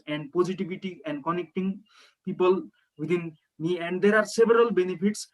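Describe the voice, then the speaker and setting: A young man with a Nepali accent speaks over a video call in a high voice. He shares his experience earnestly and politely, pausing often on fillers as he gathers his words. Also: poor audio. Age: young adult. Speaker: participant sharing experience. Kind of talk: testimonial on an online call.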